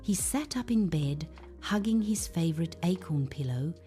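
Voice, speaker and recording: Over music, a woman narrates a soothing children's bedtime story in a mellow, relaxed, gentle and hushed way. She speaks at normal speed yet takes her time, her pitch rising and falling expressively.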